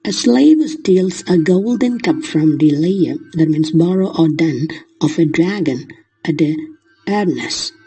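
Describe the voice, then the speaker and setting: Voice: mid-range voice, lively intonation, slow, warm tone, slightly rough, faint music behind. A lecturer explaining literature in the manner of a lesson, glossing terms in simple words along the way.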